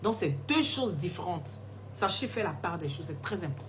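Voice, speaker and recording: A woman's voice: on the low side, lively intonation, moderate pace, a bit bright, faint music behind. A woman hosting a casual live stream, answering viewer comments in a chatty, teasing way and laughing often, recorded on a phone. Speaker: live-stream host selling skin products.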